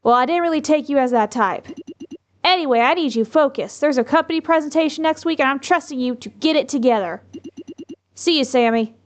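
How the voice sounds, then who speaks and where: A woman's voice: sits high, fairly quick, lightly acted. A woman voicing a stern, businesslike boss on a phone call in a story game. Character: brisk, stern office boss.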